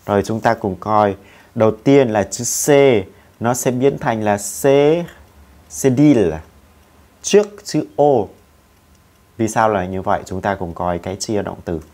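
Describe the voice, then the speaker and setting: A man's voice: fairly low pitch, a little slow, a little mellow. A man teaching French in an online lesson, patiently spelling out letters and drilling verb forms aloud.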